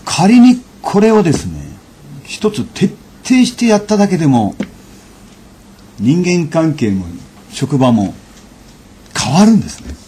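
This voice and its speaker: A man giving a lecture and telling an anecdote in a measured, unhurried way, with frequent fillers. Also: a little high, very animated, mellow, husky. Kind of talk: storytelling lecture.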